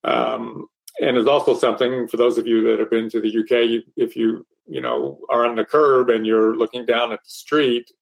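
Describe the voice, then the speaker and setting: On a rough recording, a Texan man co-hosts an aviation podcast, talking casually in a halting way full of fillers and restarts. His voice is medium-pitched, gravelly and flat.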